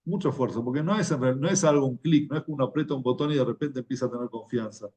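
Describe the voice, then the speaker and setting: A man's voice: mid-range voice, very fast, darkish tone. A man with an Argentine accent giving a conversational religious class, often repeating words as he tells stories. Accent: Argentine Spanish. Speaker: religious teacher. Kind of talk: Torah class talk.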